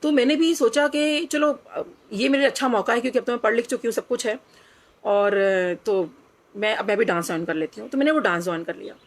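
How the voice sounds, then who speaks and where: Speaking fairly quickly, a middle-aged devotee tells her personal testimony in an earnest, reflective manner. Her voice sits a little higher than most women's, and she frequently shifts into quoted dialogue and English phrases.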